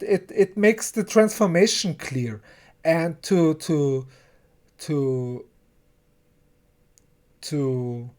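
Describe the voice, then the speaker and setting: In a relaxed episode recap and review, a TV reviewer speaks English at a slow pace with a medium-pitched, darkish tone. He chats away, trips over his words, repeats himself, and voices the characters' dialogue.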